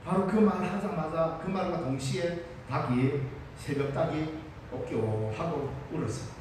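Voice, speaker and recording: A man's voice: a little high, unhurried, background noise. A male pastor with a Gyeongsang accent, preaching a Sunday sermon and telling the story vividly, acting out the dialogue. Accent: Gyeongsang Korean. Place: church sanctuary. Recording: echoey church hall from far off.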